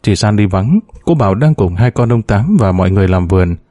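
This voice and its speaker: A man narrating a story aloud in a steady, even storytelling manner. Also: on the low side, a little fast, no echo, studio quality. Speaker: audiobook narrator.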